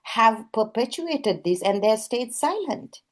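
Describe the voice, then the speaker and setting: A woman's voice: fairly high pitch, big pitch swings, unhurried. A woman moderating a panel discussion, probing and interrupting with pointed questions.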